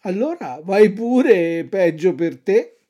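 A woman voicing a sly, smooth-talking male fox swindler in a storybook reading, coaxing and theatrical. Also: mid-range voice, lively intonation, slow pace, dark tone.

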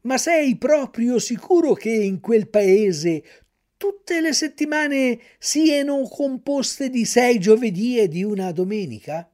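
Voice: mid-range voice, animated, takes it slowly, a little mellow, voice pushed up. A reader playing Pinocchio, a wistful, wavering puppet boy. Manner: wistful, hesitant, wondering. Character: wooden puppet boy Pinocchio, tempted and torn.

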